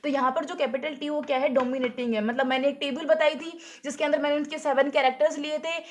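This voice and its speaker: A woman's voice: high voice, steady tone, fast. A woman teacher explaining at a whiteboard, asking herself questions and answering them, and repeating key points. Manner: asks rhetorical questions then answers them. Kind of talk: whiteboard lesson.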